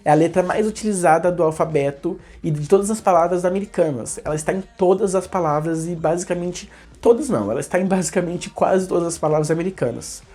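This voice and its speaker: A man's voice: sits high, fast talker, few pauses, mellow, soft background music. A man giving a casual online English lesson, explaining in a rambling way and often correcting himself mid-sentence.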